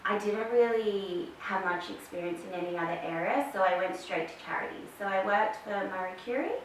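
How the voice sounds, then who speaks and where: Talking fairly quickly at a medium pitch, an Australian woman in her thirties recounts her story on a podcast, with many fillers throughout the casual chat. Her voice picks up room echo from a distant mic, plus a faint hiss.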